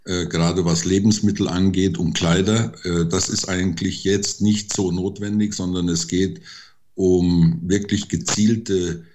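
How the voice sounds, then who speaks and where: An older man giving interview answers slowly, halting with many fillers. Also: deep voice, steady tone, a little mellow, a little hiss or hum. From Germany. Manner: slow and hesitant, many fillers. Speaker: interview guest, forester.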